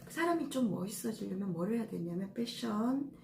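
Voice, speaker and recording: Gravelly-voiced woman teaching color. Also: medium pitch, lively intonation, a little fast, darkish tone, a little hiss or hum. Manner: patient, explains step by step with many fillers. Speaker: stylist teaching color coordination. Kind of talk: casual explanatory lesson. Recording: echoey room with faint ambience.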